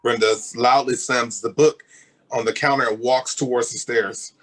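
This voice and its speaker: A man reading the stage directions aloud in a play reading, in a plain, even way. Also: medium pitch, moderate pace, rough recording.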